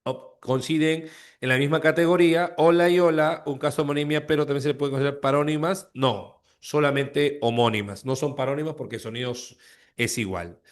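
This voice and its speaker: A man's voice: a little high, steady tone, brisk. A male language teacher explaining exercises in an online class, going step by step and often checking that students follow. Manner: explains step by step, checks understanding with repeated questions.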